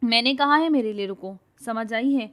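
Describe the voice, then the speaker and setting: A woman voicing a bossy, boastful, hot-tempered young university woman who scolds loudly, in a storybook reading. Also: on the high side, close to an everyday voice. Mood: angry. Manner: scolding, loud and quarrelsome.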